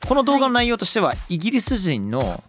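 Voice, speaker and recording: A British man, a podcast co-host speaking Japanese as a second language, explaining things in a casual, animated way with bursts of laughter. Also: high-pitched, a little fast, faint music behind. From United Kingdom. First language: English. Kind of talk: casual bilingual chat.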